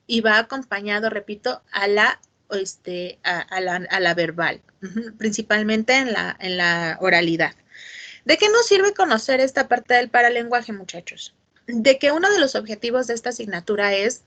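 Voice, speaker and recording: A woman teaching an online class, expressive and checking in often with her students. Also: a little high. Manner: expressive, asks for checks with "¿sí?" and "ujú".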